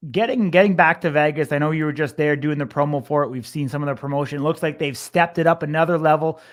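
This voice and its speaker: A man working as an interviewer, asking long, rambling questions in a conversational sports interview style. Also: a little high.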